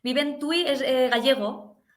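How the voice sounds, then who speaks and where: A woman's voice: high voice, measured pace. A woman being interviewed as a guest, explaining things in a plain, matter-of-fact way. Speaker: guest mountaineer. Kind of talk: casual interview answers.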